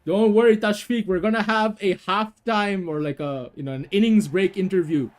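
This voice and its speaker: High-voiced young man commentating a cricket game. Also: normal speed. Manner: chatty, laughs often, fillers. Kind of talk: casual gaming cricket commentary.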